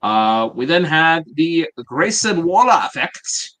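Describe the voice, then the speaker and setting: A man's voice: fairly high pitch, sing-song, slow, a crowd in the background. Rambling man recapping on a podcast. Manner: rambling, filler-heavy, many "uh"s. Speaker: podcast host. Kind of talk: casual recap chat.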